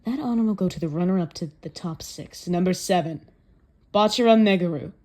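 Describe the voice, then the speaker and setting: A woman's voice: on the low side, fairly quick, darkish tone, lightly acted. Woman doing a cold commanding male coach. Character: stern scheming male football coach. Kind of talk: dramatic manga reading.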